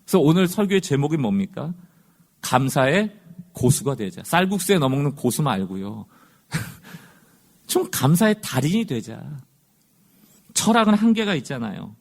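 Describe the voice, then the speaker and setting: Man, pastor, conversational sermon with rhetorical questions, fairly high voice. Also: very animated, moderate pace, gravelly.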